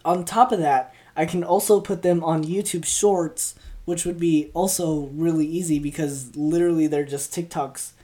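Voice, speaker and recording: A woman's voice: low voice, fairly even intonation, moderate pace, hardly any pauses, warm tone. A twenty-year-old woman hosting a solo podcast, rambling in casual chat, stumbling over her words in an upbeat way. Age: 20s. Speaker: podcast host. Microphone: podcast mic, also filmed for video.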